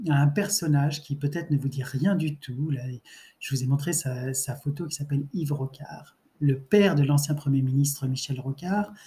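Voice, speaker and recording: Man lecturing with a dark, mellow tone. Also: a little high. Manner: hesitant, many restarts. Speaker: trainer. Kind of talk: spoken lecture.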